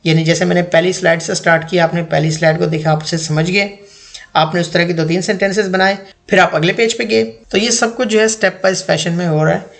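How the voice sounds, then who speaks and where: A man in his thirties, an English teacher, giving a slide-based lesson voice-over and saying each example sentence twice in a deliberate way. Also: high-pitched, fairly even intonation, creaky, a bit bright. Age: 30s.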